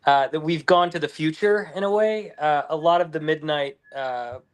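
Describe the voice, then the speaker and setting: A man, a musician guest in an interview, speaking reflectively with halting starts. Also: a little high. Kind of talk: casual interview chat.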